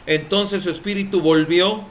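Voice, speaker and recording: Preaching at a church service, this Salvadoran-accented pastor speaks emphatically and gets the congregation calling back. His voice sits high, with a steady tone at a normal speed.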